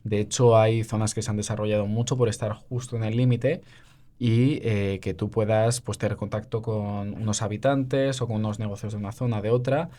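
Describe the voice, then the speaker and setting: A man co-hosts a podcast, explaining history in casual chat full of fillers and asides. His voice is fairly low and mellow, with a steady tone at normal speed.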